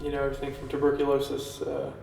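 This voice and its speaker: A man's voice: mid-range voice, monotone, fast talker, gravelly, darkish tone, faint music behind. A man in a somber, reflective tone recounting the building's grim history. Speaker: paranormal investigator recounting site history. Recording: distant mic in a reverberant hall with faint hiss.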